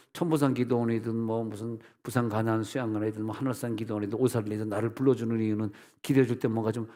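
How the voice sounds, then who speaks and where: A man pastor preaching a revival sermon, telling stories and acting out the voices of church members. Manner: animated storytelling, mimics church members in high voices. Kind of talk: revival sermon with acted-out dialogue. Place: church sanctuary. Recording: long church hall reverb.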